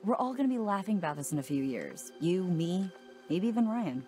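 A woman's voice: lowish voice, big pitch swings, fairly quick, warm tone, soft background music. A young woman acting a blunt, teasing, practical character in a video game cutscene. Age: young adult.

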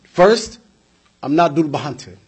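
A young man from the United States, speaking at a community event, delivers an emphatic political address at a stand-mounted podium mic in a flag-decked indoor hall. His fairly high voice is expressive but slow, the background is noisy, and he gestures while driving points home by repetition.

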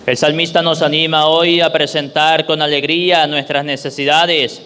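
A man's voice: fairly high pitch, flat delivery, bright, forceful tone, clear, resonant tone. Solemn man in a reverberant church. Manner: measured, solemn recitation. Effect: long church reverb. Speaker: leader of prayers at Mass. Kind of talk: liturgical reading. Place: large church. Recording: echoey church with faint room noise.

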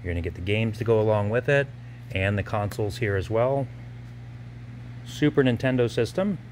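Brief: lower-voiced man, brisk auctioneer walkthrough, phone-filmed, faint background hum. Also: darkish tone. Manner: brisk item-by-item listing. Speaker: auctioneer previewing lots. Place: large auction gallery warehouse. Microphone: handheld phone camera.

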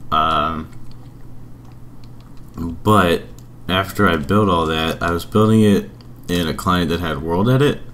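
Deep-voiced young man, keeping quiet at night. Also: takes it slowly, pauses often, a little hiss or hum. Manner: rambling, informal. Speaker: video creator. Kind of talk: casual game build commentary.

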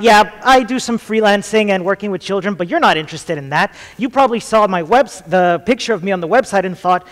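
A man from Chile in his thirties giving a jokey, chatty conference talk on stage with a headset mic, with lots of ums. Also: sits high. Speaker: conference speaker. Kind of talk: casual tech talk. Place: large theatre stage. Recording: long hall reverb.

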